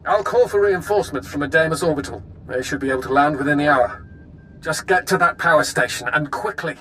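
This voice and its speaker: An actor playing a ruthless, commanding imperial military officer in a video game, with clipped, menacing authority. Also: male voice, fairly high pitch, fairly quick, a bit bright, a little hiss or hum, natural voice, rough recording. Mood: urgent.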